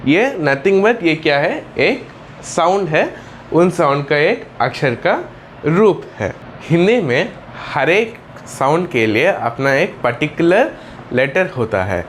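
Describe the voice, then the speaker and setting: Guy teaching a class, asks stuff then answers it himself, kinda high voice, far off mic in a really echoey room. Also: animated, takes it slowly, a little hiss or hum. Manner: asks questions then answers them, repeating phrases. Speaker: English teacher. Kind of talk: classroom lesson with question and answer.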